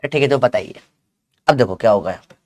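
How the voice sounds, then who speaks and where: A man's voice: medium pitch, expressive, fast talker, no echo. A man teaching a casual lesson, chatty and joking, often checking whether his students follow.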